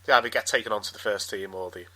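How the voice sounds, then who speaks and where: A man's voice: lowish voice, steady tone, very fast, pushed and bright. A man asking interview questions, a little tentatively, feeling for his words.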